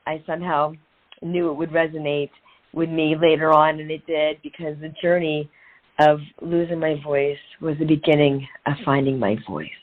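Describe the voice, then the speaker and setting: A deep, fairly even voice at moderate pace belongs to a middle-aged woman guesting in a conversational interview as a transformational and women's empowerment coach. Earnest and inspiring, she repeats phrases for emphasis while telling motivational stories, and the audio is narrow and phone-like.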